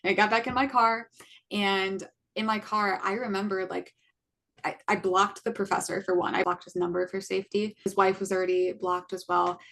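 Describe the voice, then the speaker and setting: A woman's voice: lowish voice, creaky, fairly bright tone. A woman in her twenties, a podcast co-host, earnestly telling a personal story in a casual way, full of fillers. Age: 20s.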